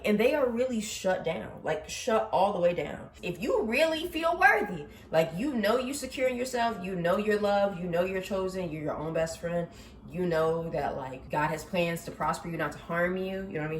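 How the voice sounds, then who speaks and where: A young woman in her twenties talking casually about faith and self-worth, lively, laughing often, with lots of slang and "like". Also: mid-range voice, far from the mic. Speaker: vlogger. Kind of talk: casual faith talk to camera. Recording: roomy echo, slightly off mic, faint background hiss.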